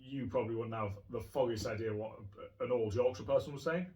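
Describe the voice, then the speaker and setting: A man's voice: medium pitch, fairly even intonation, fairly quick, mellow. Man chatting, mic far off. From Teesside, North East England. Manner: chatty, explaining. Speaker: co-host. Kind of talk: casual chat. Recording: distant from the mic.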